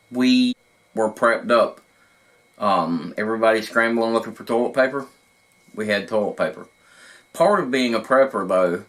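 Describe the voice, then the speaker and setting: A man's voice: mid-range voice, fairly bright tone. A middle-aged man hosting his own prepping channel, talking in a plain-spoken, earnest, conversational way in an echoey studio room. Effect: echoey room sound. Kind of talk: casual talk to camera. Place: echoey studio room not set up for recording.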